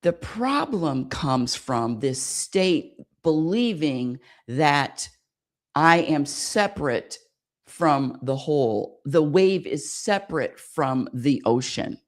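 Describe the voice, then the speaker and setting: A woman's voice: sits low, very animated, slow. A woman hosting a spirituality radio show, talking in a repetitive, searching way and often asking listeners for agreement. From United States. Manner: repetitive and searching, calls for audience affirmation. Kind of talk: spiritual talk monologue.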